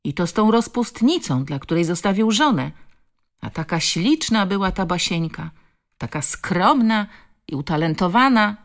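A woman's voice: medium pitch, very animated, normal speed, voice pushed up. A woman reading the part of a stout village woman trading gossip in a scandalized tone. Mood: gossipy.

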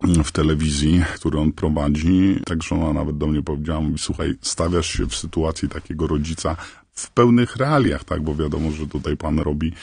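Man in a disguised, very deep voice. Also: fairly even intonation, a little mellow, breathy edge, no room sound. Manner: halting, earnest, searching for words. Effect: voice electronically altered and lowered to stay anonymous. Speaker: anonymous parent guest. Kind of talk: radio interview.

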